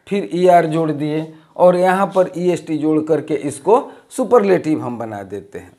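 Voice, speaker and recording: Man, teacher, high voice, patient step-by-step explaining, rises and falls. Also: a little mellow. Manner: explains step by step, repeats each rule; rises on new points, drops at line ends. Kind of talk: grammar lesson.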